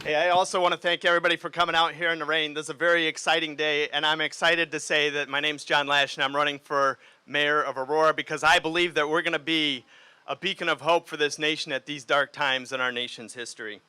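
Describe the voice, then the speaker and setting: A man's voice: fairly high pitch, fairly even intonation, fast, bright, forceful tone, clean tone. A middle-aged man from Liberia giving an earnest, off-the-cuff campaign speech outdoors in the rain. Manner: earnest, speaks off the cuff with fillers. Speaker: mayoral candidate.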